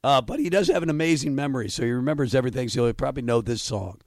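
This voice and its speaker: Man, radio host, hoarse worn-out voice, rambling, dry studio sound. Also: mid-range voice, rapid-fire, no room sound. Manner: rambling, self-deprecating, lots of fillers. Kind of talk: casual morning radio chat.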